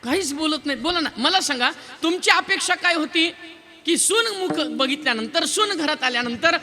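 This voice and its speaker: A male devotional preacher delivering a lively sermon, teasing and quizzing his live audience. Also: extremely high pitch, normal speed. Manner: lively, quizzes and teases the crowd, counts raised hands. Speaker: kirtan preacher.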